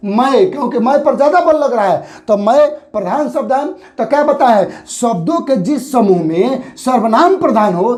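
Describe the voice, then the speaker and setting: A woman teaching a grammar lesson, asking questions and answering them herself, and slowly drawing out her example phrases. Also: on the high side, expressive, a little mellow.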